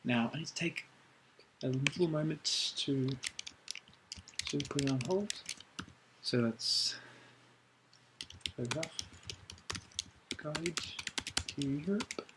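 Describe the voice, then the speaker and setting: A man doing an ASMR role-play as a librarian, chatting gently and recommending things in an unhurried way. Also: fairly high pitch, noisy background. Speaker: ASMR performer playing a librarian.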